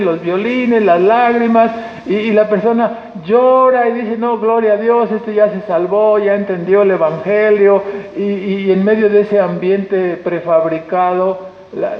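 High-voiced Mexican pastor in an echoey hall. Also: male voice. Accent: Mexican Spanish. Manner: conversational preaching, acts out quoted voices. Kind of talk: sermon. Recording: echoey hall, dull lo-fi sound.

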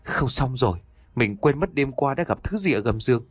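A male storyteller voicing a frightened but stubborn middle-aged woman who talks fast and snaps back. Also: mid-range voice, lively intonation, no echo, close to an everyday voice. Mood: panicked. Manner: panicky, fast and defiant.

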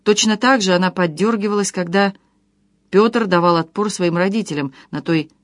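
A woman reading a novel aloud as an audiobook narrator, in a measured and expressive way. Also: mid-range voice, no echo, studio quality.

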